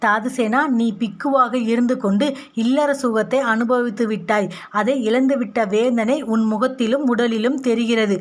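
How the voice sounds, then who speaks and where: A woman's voice: on the high side, fairly even intonation, measured pace, lightly acted. A woman voicing a stern elderly male Buddhist monk who gives commands and scolds in a story reading.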